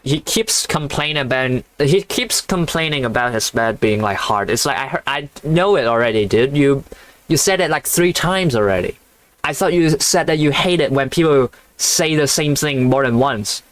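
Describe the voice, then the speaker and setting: A man's voice: mid-range voice, lively intonation, moderate pace, a bit bright. A man reading a novel aloud on his channel, stumbling over words and breaking off for casual commentary full of offhand swearing. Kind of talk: casual read-along with commentary.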